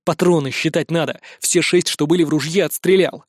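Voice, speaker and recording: A man narrating a fantasy adventure in first person, brisk and wry. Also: fairly high pitch, fairly even intonation, no echo, studio quality. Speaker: audiobook narrator.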